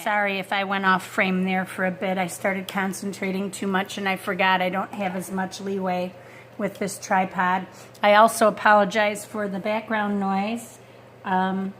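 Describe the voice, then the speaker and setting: A woman giving a casual watercolor painting tutorial at home, talking close to the mic and thinking aloud with lots of fillers. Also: mid-range voice. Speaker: art instructor. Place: home studio with a wood stove. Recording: faint blower hum behind.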